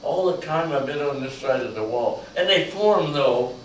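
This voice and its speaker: An older man, a veteran, performing a slow, emotional spoken-word monologue that swells to loud peaks on key lines. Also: on the high side, animated, slight background noise. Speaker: Vietnam veteran storyteller. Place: large echoey college room. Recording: echoey room from far off.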